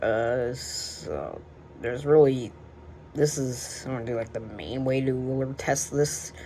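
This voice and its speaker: A radio collector talks slowly in a dark, medium-pitched voice as he shows his collection indoors beside the shelves. His casual, unrehearsed tour meanders and hesitates, often trailing off. The amateur recording is noisy.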